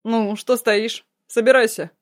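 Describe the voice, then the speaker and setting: A woman voicing a cruel young man, a blackmailing ex-fiancé, in a loud, mocking, threatening way. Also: a little high, fairly even intonation, unhurried, natural voice. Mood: menacing.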